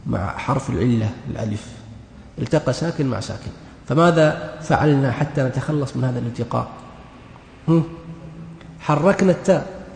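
A man's voice: mid-range voice, creaky, mellow, a little hiss or hum. A man teaching an Arabic grammar lesson, explaining step by step and quizzing his students with questions. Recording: echoey hall with long reverb.

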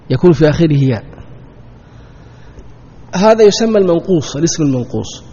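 A man's voice: mid-range voice, warm tone, slightly rough. A man teaching a grammar lesson, who asks his students questions and answers them himself, repeating the key terms. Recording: dull lo-fi sound in a long-echo hall.

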